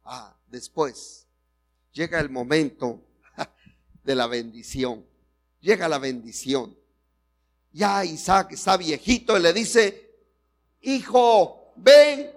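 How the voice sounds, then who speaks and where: A man's voice: on the high side, expressive, slow, pauses often, a bit bright. A male pastor preaching a sermon, telling a story and acting out the characters' lines while speaking directly to the congregation.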